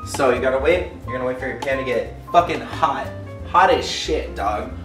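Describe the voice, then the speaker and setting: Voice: medium pitch, animated, moderate pace, far from the mic. A drunk home cook giving a casual, rambling, profanity-laced cooking tutorial. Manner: tipsy, rambling, crude swearing. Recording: roomy kitchen, off-mic, loud music behind. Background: loud music, sizzling pan.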